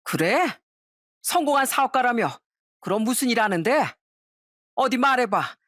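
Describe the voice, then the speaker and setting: A woman's voice: on the high side, expressive, moderate pace, a bit bright, no room sound, clean studio sound, pitched above the performer's own voice. A woman voicing an older retired male detective who taunts and interrogates a former con man. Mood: mocking scolding.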